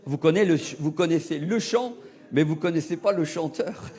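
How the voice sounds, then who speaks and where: A middle-aged evangelist from Portugal preaches a sermon and shares his own testimony at a normal speed. He climbs to loud, emphatic peaks, then drops to hushed, low asides.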